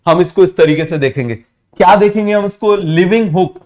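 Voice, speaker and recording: Male biology tutor, high voice, call-and-response drilling, casual online lecture. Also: moderate pace, a little mellow, muffled recording. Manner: drills students with repeated call-and-response questions; mixes English science terms into casual talk. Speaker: biology teacher. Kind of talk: online exam-prep lecture.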